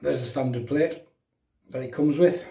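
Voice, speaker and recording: Mellow County Durham man, echoey bathroom. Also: mid-range voice, normal speed, gravelly. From County Durham, England. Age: middle-aged. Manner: matey, bantering. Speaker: livestream host of a shaving show. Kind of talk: casual live chat with viewers while demonstrating shaving. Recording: roomy bathroom echo, distant microphone.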